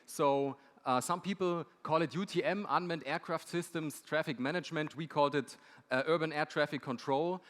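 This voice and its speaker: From the stage of an echoey hall, a man who lectures at a university opens a conference panel as moderator, presenting its topic and speakers. He talks at a moderate pace with a fairly high pitch.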